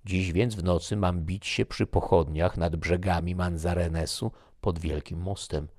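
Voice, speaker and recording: Audiobook figure: man reading as a solemn soldier, low gravelly voice, slow and measured, dry studio. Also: fairly even intonation, a little mellow, dry recording. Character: grave, fatalistic male soldier.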